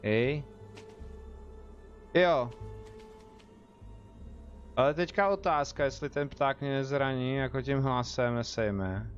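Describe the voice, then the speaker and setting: This is a young man with a Czech accent casually commentating a live game stream and bantering with viewers. His pitch is medium, and the recording has its high frequencies cut off.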